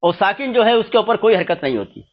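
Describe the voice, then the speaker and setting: Male teacher, high voice, patient step-by-step explainer, muffled lo-fi recording. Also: sing-song. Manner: slow, explanatory, spells out letters one by one. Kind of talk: spoken lesson on script and pronunciation.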